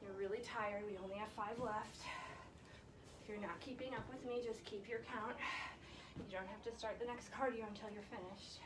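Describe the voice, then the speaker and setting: A woman fitness instructor leading a workout live, counting and giving short encouraging instructions, a little breathy from exertion. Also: mid-range voice, fairly even intonation, moderate pace. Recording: echoey, distant mic, loud background noise.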